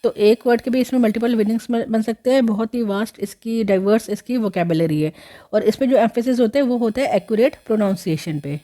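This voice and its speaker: A woman's voice: a little high, a little fast, warm tone. A woman giving a history lesson, explaining step by step with many fillers and self-corrections, mixing English words into her talk. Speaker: history teacher. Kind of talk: explaining lecture.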